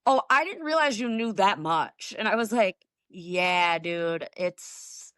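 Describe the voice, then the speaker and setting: A woman's voice: mid-range voice, lively intonation, slow, a bit bright, smooth, no room sound, clean studio sound. A woman guest talking casually as a football fan, chatty, laughing often and acting out what people said. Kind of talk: casual storytelling interview.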